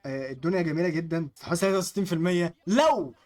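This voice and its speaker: This excitable gaming YouTuber, a young man with an Egyptian Arabic accent, rattles off rapid-fire live commentary in a slightly high voice. Between chants aimed at the screen, he murmurs to steady himself.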